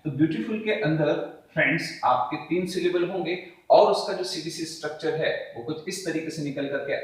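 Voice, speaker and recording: Echoey male Hindi teacher explaining syllables. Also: fairly high pitch. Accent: Indian, speaking Hindi. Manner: addresses viewers as friends, asks and answers own questions; stretches out example words slowly. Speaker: English teacher. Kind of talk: classroom-style video lesson. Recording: very echoey room, voice from a distance.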